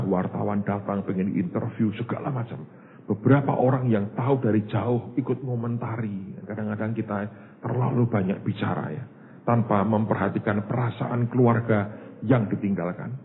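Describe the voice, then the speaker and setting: A man preaching a sermon as a pastor, telling a story and often calling the congregation "saudara". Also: on the low side. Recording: tinny phone-like sermon recording with faint hiss.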